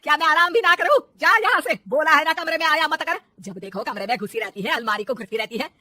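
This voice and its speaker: A woman's voice: sits high, animated, a little fast, dry recording, clean studio sound. A woman doing a bossy scolding mother-in-law. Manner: scolding, sharp-tongued. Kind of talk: cartoon voice acting.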